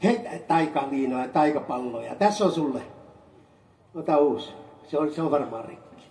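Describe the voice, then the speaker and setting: A woman doing a playful magic show for children, teasing her young helpers and calling out the magic words. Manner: teasing, animated, bursts into high calls on magic words. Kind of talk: playful stage patter with a child audience. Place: amusement park show area. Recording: roomy, distant sound with faint ambient noise.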